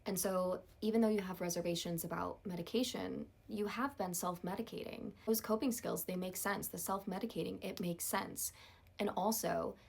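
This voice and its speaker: Woman playing a calm therapist, slightly creaky voice. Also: fairly low pitch. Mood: calm, supportive. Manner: calm, measured, reassuring. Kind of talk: therapy role-play to camera.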